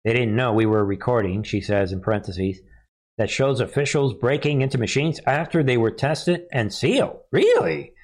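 A man's voice: medium pitch, normal speed. Rambling man hosting a livestream. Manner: rambling, hesitant, many restarts and rhetorical questions. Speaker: livestream news commentator. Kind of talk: casual livestream commentary, reading chat and posts.

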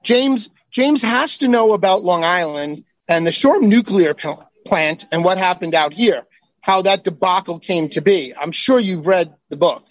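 High-pitched guy calling in, blunt, cusses, dry close sound. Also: normal speed, no room sound, rough recording. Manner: blunt, heated, swears freely. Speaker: call-in guest. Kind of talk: casual chat.

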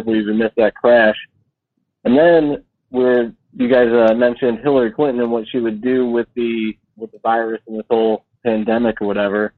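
A man from Detroit calling in on speakerphone to a radio show, talking haltingly with many fillers and restarts. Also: mid-range voice, no room sound. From Detroit, United States. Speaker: caller. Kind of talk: call-in radio chat. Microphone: phone on speakerphone. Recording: tinny phone line on speakerphone.

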